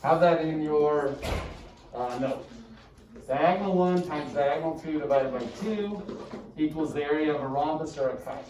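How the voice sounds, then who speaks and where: A man's voice: on the high side, normal speed, darkish tone. A male math teacher giving a casual classroom lecture and checking in with the class often. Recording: echoey room, mic far off.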